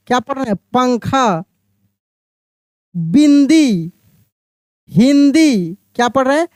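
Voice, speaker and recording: A man teaching a beginners' reading lesson, explaining slowly, repeating each word and putting questions to the listener. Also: extremely high pitch, clean tone, dry recording, clean studio sound. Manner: addresses the viewer as my friend.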